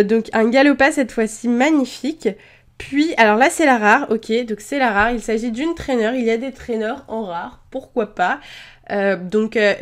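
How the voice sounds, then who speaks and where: A young woman chatting casually as she opens trading card packs at home, hesitant and full of fillers but excitable. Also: sits high. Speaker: YouTuber opening trading cards. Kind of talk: casual card-opening commentary.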